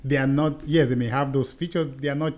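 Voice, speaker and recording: Fast and fairly even, his mid-range voice has a darkish tone. A middle-aged man from Nigeria with a Nigerian accent, he co-hosts a conversational podcast, earnestly telling stories and often restarting or repeating phrases.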